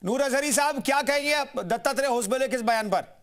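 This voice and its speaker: A man anchoring a TV news debate, introducing guests and steering the talk in a brisk, polite way. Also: extremely high pitch, fairly bright tone. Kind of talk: moderating TV debate.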